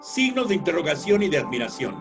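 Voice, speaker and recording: A man lecturing in a webinar on editorial writing, explaining clearly and acting out example sentences. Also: fairly high pitch, sing-song, fast, over music.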